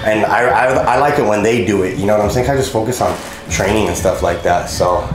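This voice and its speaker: A man's voice: fairly low pitch, fast talker, reverberant, poor audio. A man in his thirties vlogging at a gym in a laid-back, slangy way with plenty of swearing. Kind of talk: casual gym vlog chat. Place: large gym indoors. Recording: loud music behind.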